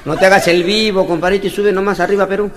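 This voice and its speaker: This comedian's voice is high-pitched, steady, and fast, with a Peruvian Spanish accent. He delivers slangy jokes stand-up style and laughs at his own punchlines, captured on a noisy, clicky lo-fi recording.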